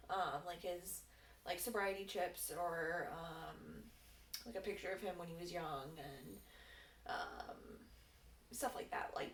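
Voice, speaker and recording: A woman talking casually and personally in a halting, informal way, peppering her speech with "like". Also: on the low side. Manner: informal, halting, filler-heavy with frequent "like". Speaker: co-host of a casual Q&A video. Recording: roomy echo, distant mic, faint noise.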